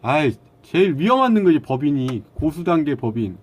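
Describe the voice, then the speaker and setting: On a casual live stream, a man lectures his viewers bluntly and argumentatively, snapping back at the chat. His voice is slightly high for a man, with wide pitch swings, and he is very animated at a moderate pace.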